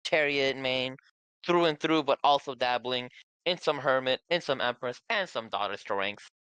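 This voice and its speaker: A man's voice: mid-range voice, normal speed, pushed and bright, clean tone, no echo. A man doing casual commentary on a video game tournament stream, upbeat and chatty. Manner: upbeat, hyping viewers. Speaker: esports commentator.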